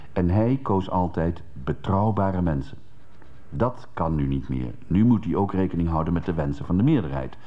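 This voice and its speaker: A man's voice: low voice, highs cut off. A man reading a radio column from a radio studio with wry, sarcastic asides, heard on an old worn tape.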